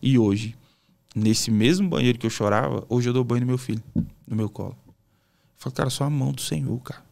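A man's voice: medium pitch, brisk, vocal fry, darkish tone. A Brazilian man, a pastor guest on a podcast, telling a personal testimony in a casual, emotional, storytelling way with colloquial asides. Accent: Brazilian Portuguese.

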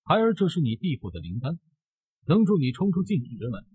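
A man's voice: on the high side, huge pitch swings, a little fast, dark tone, slightly rough, no echo, full character voice, low-quality recording. A man voicing the grieving noble mother of a snake clan, speaking in a sorrowful, protective way.

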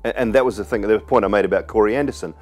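A man's voice: on the low side, rapid-fire, soft background music. A man in his forties giving blunt, emphatic cricket opinions on a studio panel. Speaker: cricket pundit. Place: TV studio, indoors. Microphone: lapel mic.

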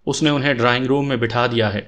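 A man's voice: medium pitch, fairly even intonation, a bit bright. A man reading an audio story aloud as its narrator, speaking the characters' lines in his own voice. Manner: reads all the characters' dialogue in his own voice.

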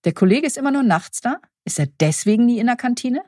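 A woman's voice: a little high, expressive, quick pace, dark tone, no room sound, clean studio sound, pitched above the performer's own voice. A woman reading the part of a wry, sceptical female intensive-care doctor.

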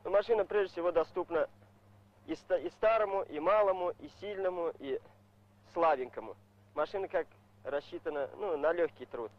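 A male truck driver in an on-camera interview, speaking plainly in halting, simple phrases. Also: high voice. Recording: muffled old film soundtrack.

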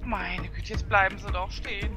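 A man's voice: high voice, flat delivery, moderate pace, pushed and bright, faint music behind. A man playing a military police officer in a game roleplay, stern and formal.

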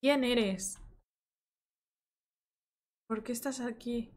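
A woman's voice: a little high, drawn-out words. A woman streaming a life-sim game, chatting casually, reading game text aloud and greeting viewers in chat. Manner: excitable, reads game text aloud, shrieks when startled.

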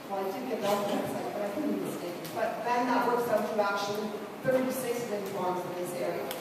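A middle-aged woman at a community meeting, questioning officials pointedly with many pauses and ums. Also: medium pitch. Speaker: resident speaking at a town hall. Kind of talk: public comment at a community meeting. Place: large wooden community hall, indoors. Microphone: handheld mic, recorded by a far camera. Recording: echoey hall, distant mic, noisy.

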